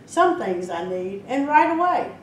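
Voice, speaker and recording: Woman doing a kind storybook witch, high and emphatic, roomy distant sound. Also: big pitch swings, measured pace. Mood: urgent. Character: kind good witch in the wood, female. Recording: roomy echo, mic at a distance, faint rumble.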